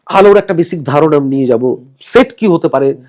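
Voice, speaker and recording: A man's voice: a little high, a little fast. A man, a theatre director as podcast guest, explaining his rehearsal methods animatedly and mixing in English terms. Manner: animated, acts out quoted dialogue. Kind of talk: podcast conversation.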